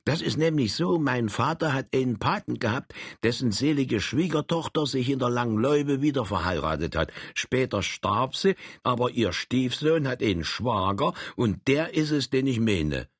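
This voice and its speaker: A man's voice: medium pitch, animated, moderate pace, breathy edge, no room sound, clean studio sound, voice pushed up. A man voicing a friendly, earnest middle-aged Saxon forester who talks in a chatty way.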